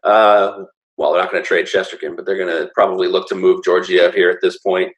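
A man's voice: low-pitched, flat delivery, a little fast, echoey room, rough recording. A man co-hosting a casual sports podcast, rambling and playful, with lots of fillers. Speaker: podcast co-host.

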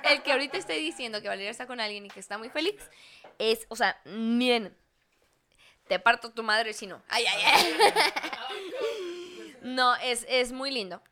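A young woman with a Mexican accent hosting a casual podcast chat, loud, laughing often and swearing freely. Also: a little high, moderate pace, slight background noise. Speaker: podcast host.

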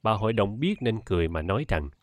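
A man with a lowish voice narrating a novel for an audiobook. He reads in a steady, measured storytelling manner. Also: dry recording. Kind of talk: scripted narration.

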